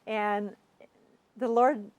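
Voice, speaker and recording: A woman guest on a TV interview, telling her own story hesitantly, with many fillers and throat clearing. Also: mid-range voice, fairly even intonation, very slow, darkish tone, no room sound, lo-fi sound.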